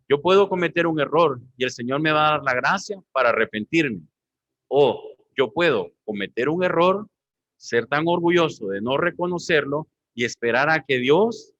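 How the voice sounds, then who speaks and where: A man's voice: mid-range voice, a bit bright, no echo, muffled recording. A man preaching a sermon as pastor, often calling his listeners brothers. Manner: preaching, addressing the congregation as brothers.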